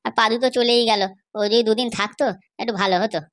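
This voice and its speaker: A woman's voice: on the high side, steady tone, fast talker, a bit bright. A woman voicing characters in a comedy cartoon, with a chatty, persuasive way of talking. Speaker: cartoon voice actor.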